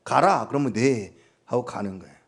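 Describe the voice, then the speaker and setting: A man's voice: mid-range voice, expressive, moderate pace, vocal fry, breathy edge. A man preaching as a guest pastor, telling stories and acting out dialogue with his mother in his sermon. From Korea.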